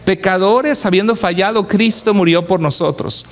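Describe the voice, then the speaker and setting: Fervent male pastor, somewhat high voice. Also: normal speed. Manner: emotive preaching, asks the congregation rhetorical questions. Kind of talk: sermon.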